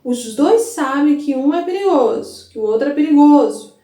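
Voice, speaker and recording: A woman's voice: high voice, expressive, moderate pace, warm tone. A woman, chatting animatedly as she recaps an anime episode and retells its scenes. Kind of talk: casual excited episode recap. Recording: echoey room, mic at a distance.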